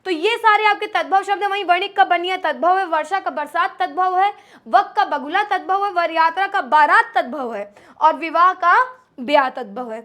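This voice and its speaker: A woman teaching Hindi grammar in an online exam-prep lesson. She calls her students "my child", asks questions and answers them herself, and slows down to stress key letters. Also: very high voice, pushed and bright.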